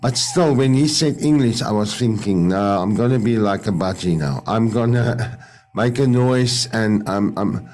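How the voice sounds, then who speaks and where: A radio presenter whose first language is Afrikaans shares a faith testimony over a video call, his accent noticeable. His lowish voice is a little mellow, and he speaks haltingly, often pausing to find English words and restarting many times.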